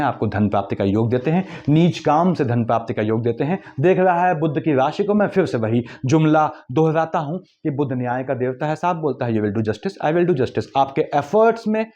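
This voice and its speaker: A man giving a quick, lecturing astrology forecast, weaving English terms into his explanations. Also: mid-range voice, warm tone, muffled recording. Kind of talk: monthly horoscope talk.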